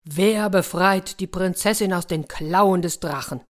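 A woman playing a pompous storybook king who booms out his proclamations. He speaks in a raised, loud voice that is full of self-importance. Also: measured pace, close to an everyday voice. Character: blustering old king eager for a dragon. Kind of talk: children's story reading.

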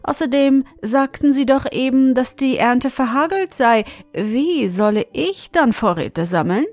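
A woman's voice: high voice, animated, measured pace, a little mellow, no room sound, faint music behind, pitched above the performer's own voice. A woman voicing a whiny, hungry female mouse who pleads and wails in a storybook reading. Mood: pleading. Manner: wailing, pleading and sobbing.

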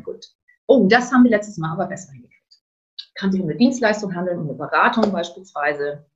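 A woman's voice: on the low side, brisk, dull audio. A middle-aged woman with a northern German accent teaching a webinar on customer objections, acting out customer dialogues. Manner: lively, acts out customer dialogues. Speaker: sales trainer.

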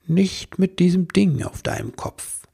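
A man voicing a jolly, gentle old Santa Claus in a storybook reading, warm and chuckling. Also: sits high, lively intonation, unhurried, vocal fry, breathy edge, pitched above the performer's own voice, exaggerated voice. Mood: kindly.

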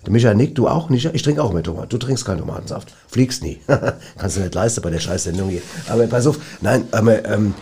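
Teasing host, dark husky voice, talks fast. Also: male voice, on the low side, expressive. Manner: teasing, hurried. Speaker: radio host. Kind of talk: casual comedy banter.

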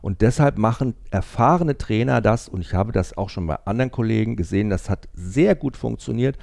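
A man with a gravelly, dark voice hosts a casual podcast chat. He talks in a lively way and laughs now and then as he explains. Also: lowish voice, a little fast. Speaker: podcast host.

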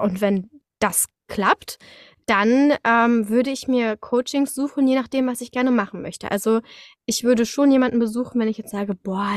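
As an interview guest, a voice actress casually explains what she does, acting out small moments with sound words in an animated storytelling style. Her voice is fairly high, and the recording is dry with clean studio sound.

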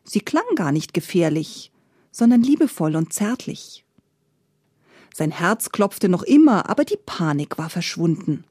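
A woman reading a children's story aloud, calm and unhurried, dropping into whispers at times. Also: lowish voice, breathy edge, dry recording, studio quality.

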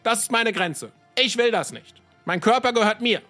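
A man's voice: very high-pitched, animated, moderate pace, pushed and bright, soft background music, exaggerated voice. A man playing a friendly, encouraging pal. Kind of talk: children's audio drama.

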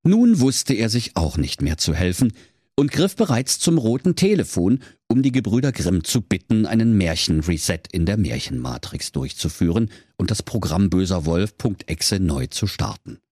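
A man narrating a comic fairy tale with a dry, lively storybook delivery. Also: sits low, moderate pace, slightly rough, dry recording.

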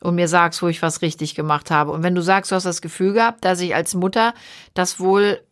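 A woman's voice: on the low side, steady tone, fairly quick. A middle-aged woman hosting a casual podcast chat as a mother, teasing and pressing for answers. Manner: probing, teasing, pushes for answers.

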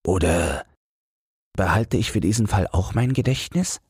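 A man's voice: lowish voice, expressive, unhurried, a little mellow, breathy edge, dry recording, studio quality, pitched above the performer's own voice, full character voice. A man voicing a humble old street lantern in a fairy-tale audiobook, fretful and tender. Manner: worried, keeps repeating a single fear.

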